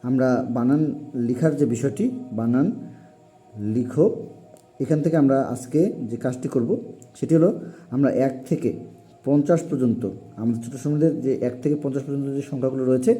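Fast-talking man teaching a lesson. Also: mid-range voice, dark tone, soft background music. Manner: formal, repetitive explaining with frequent pauses. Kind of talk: classroom lesson for parents and young pupils.

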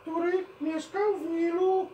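A woman doing Uszak, a very high-voiced naive young hare. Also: steady tone, slow, mellow, muffled recording. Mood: curious. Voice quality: high childlike voice, mishears words. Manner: eager, playful, asks many questions. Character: curious naive young male hare puppet. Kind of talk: children's puppet show. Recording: roomy, from a distance.

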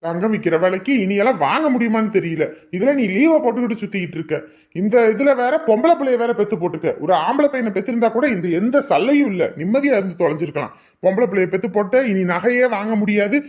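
A woman's voice: medium pitch, lively intonation, fast talker, darkish tone, close to an everyday voice. A woman acting a stingy, grumbling middle-aged husband who scolds his wife in a family drama. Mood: scolding. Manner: scolding, nagging.

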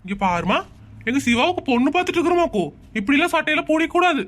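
A woman's voice: high-pitched, very animated. Woman doing a slurring drunk village husband. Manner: slurred, slow, cocky drunk talk. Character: drunk boastful village husband, middle-aged man.

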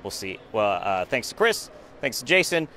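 A lively man in his thirties hosts a relaxed post-game wrap-up, speaking at a middle pitch. He sounds close on a phone mic held at arm's length in a big arena. Light ambient hum sits underneath. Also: normal speed. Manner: upbeat, lively, jokey interviewer. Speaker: sports show host. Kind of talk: casual post-game chat on phone livestream. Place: inside an empty hockey arena, rinkside.

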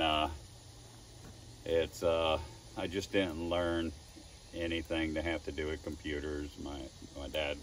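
This sixty-something wood carver has a rumbling low voice with a fairly bright tone, and he laughs at himself while telling homespun stories. He's speaking casually to a distant phone camera in an outdoor wood yard. The voice is slightly off-mic, with faint noise from outdoors.

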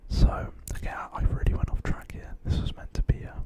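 A man in his twenties gives a whispered, gentle and reassuring pep talk in a breathy, rambling ASMR style, close to the microphone. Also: brisk. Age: 20s. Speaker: ASMR creator. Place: small quiet bedroom. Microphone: close large studio microphone on desk.

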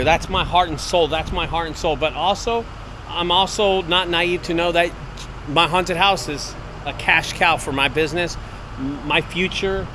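A man in his late forties walking and talking through a warehouse, giving an earnest, repetitive motivational pep talk about goals. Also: a little high. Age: 40s. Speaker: business owner vlogger. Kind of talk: casual walk-and-talk vlog. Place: outdoors and in a large empty warehouse. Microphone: wireless earbud mic, handheld camera. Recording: faint outdoor noise.

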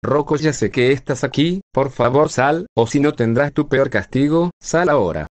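A man's voice: medium pitch, lively intonation, normal speed, no room sound, close to an everyday voice. A male synthetic voice playing a stern young friend who scolds and hands out punishment. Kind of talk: text-to-speech cartoon fan video.

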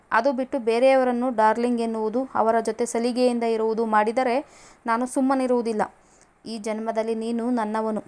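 A woman's voice: a little high, lightly acted. A woman reading a jealous young woman in love.

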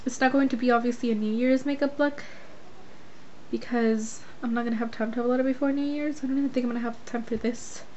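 A young American woman vlogs from small home rooms, a closet and a bedroom, into a handheld camera held at arm's length, and the audio is dull and noisy. Her voice is fairly high, steady and a little mellow, and she talks fast. She rambles casually and informally, often saying "like."

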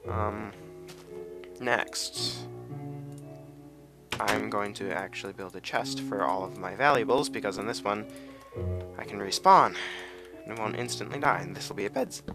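This young man's gravelly voice sits fairly low, and he talks at a measured pace with long pauses while music plays behind him. His video game commentary is casual and rambling, full of tangents, humming, and bits of singing to himself.

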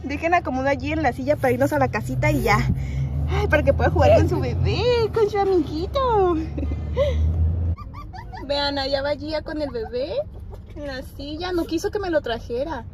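A young mother, chatting casually to her phone camera for a family vlog and using soft baby talk with her little daughter. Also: sits high, animated, moderate pace, noisy background. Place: at home and in a car.

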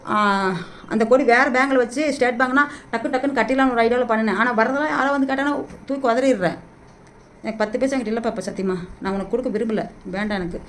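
A middle-aged woman talks into the phone in her hand at a rapid-fire pace. Her voice sits a touch high and her plea keeps circling back. A faint hiss of background noise runs underneath. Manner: pleading, repetitive, rapid-fire and agitated. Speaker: vlogger. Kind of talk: emotional direct-to-camera plea. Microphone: phone held in hand.

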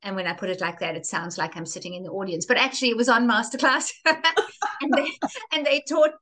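A woman talking as an interview guest, with a theatrical, expressive delivery. She leans hard into key words and sounds animated throughout. Her pitch sits in the middle range. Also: fast talker. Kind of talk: enthusiastic interview conversation.

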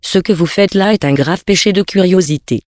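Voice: mid-range voice, brisk, a little mellow, no echo, clean studio sound, lightly acted. A reader playing a flustered old country priest. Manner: stammering, scandalised and pious.

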